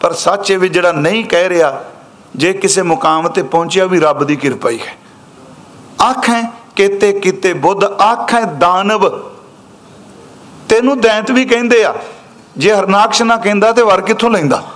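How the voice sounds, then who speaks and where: A man preaching a sermon that explains scripture, chanting each quoted verse slowly and then explaining it in brisker speech while he speaks directly to his listeners. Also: high voice, fairly bright tone. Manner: addresses listeners directly as an audience. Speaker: Sikh preacher giving scripture commentary. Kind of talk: katha sermon expounding scripture.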